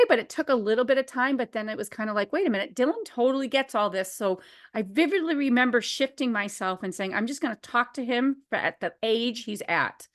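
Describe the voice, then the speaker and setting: A woman in her forties hosting a casual conversation about behavior analysis, animated and quick to laugh. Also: fairly high pitch. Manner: animated, laughs often, acts out quotes.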